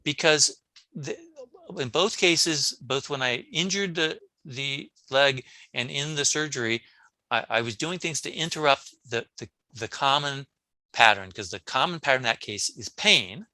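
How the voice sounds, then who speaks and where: Bright-voiced man telling stories animatedly. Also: mid-range voice, measured pace, dry recording. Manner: animated storyteller, many restarts. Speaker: podcast guest, brain coach. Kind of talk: casual interview conversation.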